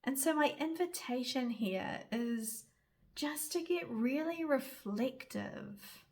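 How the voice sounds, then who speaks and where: A woman giving a gentle, reflective spiritual guidance talk. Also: sits high, animated, slow pace. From New Zealand. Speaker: spiritual reader and guide.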